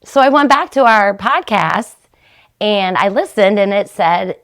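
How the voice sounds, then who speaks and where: A middle-aged woman, hosting a podcast and telling a rambling story in casual chat, her pitch jumping when she gets excited. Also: unhurried. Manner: chatty, rambling storyteller with animated jumps in pitch. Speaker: podcast host.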